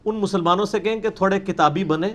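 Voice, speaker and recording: Guy, fairly high voice, answers questions like a lecture, emphatic and mixes in english words. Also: a bit bright. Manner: emphatic, explanatory, with many English terms. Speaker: religious scholar answering questions.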